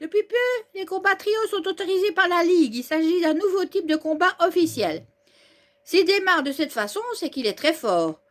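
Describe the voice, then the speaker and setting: A woman reading the lines of a calm, wise older male mountaineer trainer from a manga, in a measured mentor tone. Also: extremely high pitch, pitched above the performer's own voice. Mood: explaining.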